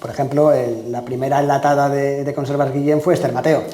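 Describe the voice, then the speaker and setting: A man's voice: medium pitch, level tone, brisk, mellow, echoey room. A man hosting an interview podcast in a casual, chatty way, with frequent restarts. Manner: chatty, friendly, with many restarts. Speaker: podcast host.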